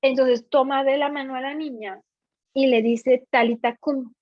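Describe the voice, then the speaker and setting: A woman with a high voice gives a chatty, informal Bible teaching and keeps checking that her listeners follow. The recording sounds dull and dry. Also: fairly even intonation, normal speed, no echo.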